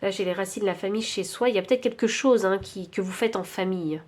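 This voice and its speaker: A woman with a French accent giving an intuitive tarot reading, thinking aloud with many pauses and fillers. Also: mid-range voice, darkish tone. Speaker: tarot card reader.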